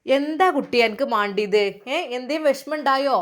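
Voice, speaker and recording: A woman's voice: high-pitched, a little fast, natural voice. A woman voicing an older, motherly matriarch who asks coaxing, fussing questions, with a Malabar Malayalam accent. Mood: concerned. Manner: warm scolding, coaxing questions.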